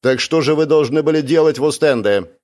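A man's voice: fairly high pitch, a little fast, darkish tone, voice pushed up, lightly acted. A man voicing a cold, stern young woman. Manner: cold, clipped questioning.

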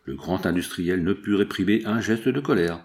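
Low-voiced man narrating a novel. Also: normal speed. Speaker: audiobook narrator.

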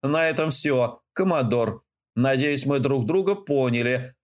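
A man's voice: medium pitch, a little slow, natural voice. A man reading as a pompous, preachy old admiral. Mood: lecturing. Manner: lecturing, self-important. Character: older male rear admiral, pompous and preachy.

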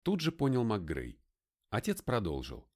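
A man reading an audiobook in the first person, his pitch rising and falling with great liveliness as he tells the story. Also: wildly swooping pitch, moderate pace, dark tone. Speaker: narrator. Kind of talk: audiobook narration.

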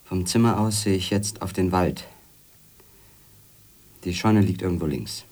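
In a radio drama, a man plays a haunted, bitter, obsessive former editor, brooding through a halting literary monologue that often sinks toward a whisper. His voice is deep with a darkish tone, and the mood is uneasy and brooding.

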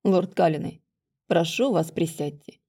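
Woman doing a composed male rector in an audiobook, polite and quiet. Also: fairly low pitch, a little slow, breathy edge, pitched below the performer's own voice.

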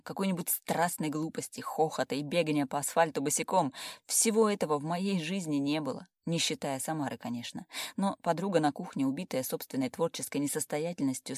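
A woman narrating a first-person audiobook with lively, wry storytelling. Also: low voice, no room sound, studio quality.

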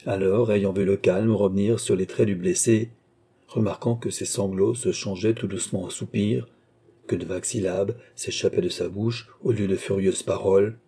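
Male audiobook narrator, very dark and husky tone, measured reading. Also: lowish voice, steady tone. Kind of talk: scripted narration.

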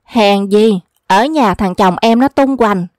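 A woman's voice: medium pitch, takes it slowly, a little mellow, no echo, clean studio sound, close to an everyday voice. A woman voicing a mischievous old male village trickster who loves telling tall tales, in a sly, teasing manner.

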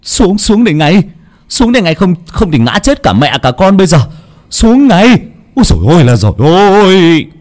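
A man voicing a panicked young village father who shouts and cries out in terror. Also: high voice, big pitch swings, normal speed, voice pushed up. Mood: terrified. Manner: frantic shouting.

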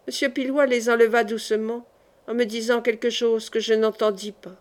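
A woman reading a novel aloud as an audiobook narrator, measured and gentle. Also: a little high, flat delivery. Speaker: audiobook reader.

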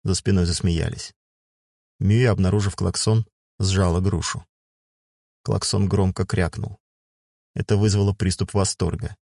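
A man narrating a first-person fantasy audiobook in a measured, even storytelling manner. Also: low-pitched, gravelly, no echo, studio quality.

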